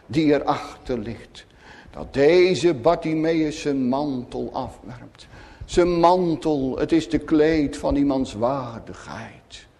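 A man preaching a sermon to his congregation, solemn and emphatic, often dropping to hushed tones. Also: a little high. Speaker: pastor. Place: church. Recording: long church reverb.

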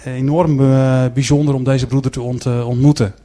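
A man's voice: mid-range voice, level tone, brisk, mellow. A man presenting to an audience, speaking earnestly with frequent filler sounds while he talks through a series of pictures. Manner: earnest storytelling. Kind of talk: church-style presentation with slides.

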